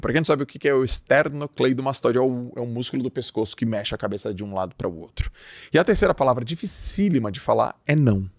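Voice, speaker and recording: A man's voice: mid-range voice, no room sound, studio quality. A man giving a motivational talk, emphatic and casual, acting out short everyday dialogues as he talks. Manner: emphatic, acts out little dialogues. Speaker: motivational speaker.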